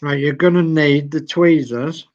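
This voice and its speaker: A man's voice: on the high side, steady tone, darkish tone, highs cut off. An older man with a Yorkshire accent, patiently talking through model-building steps and reading instructions aloud on a video call. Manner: slow, patient, reads instructions aloud step by step.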